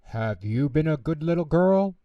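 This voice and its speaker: A man's voice: on the high side, animated, unhurried, muffled recording, voice pushed up. Man putting on jolly, hearty Santa Claus. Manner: hearty, jovial. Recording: roomy echo, distant microphone.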